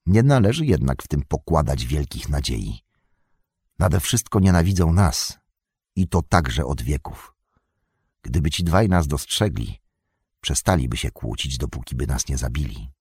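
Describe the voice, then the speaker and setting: A wary, grave hobbit, as a man voices him for an audiobook, speaking in a hushed, low tone. The voice is husky and a little gravelly. It is recorded close and dry. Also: very animated, moderate pace, dry recording, exaggerated voice. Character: grave, cautious male hobbit, quiet and wary. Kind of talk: audiobook reading.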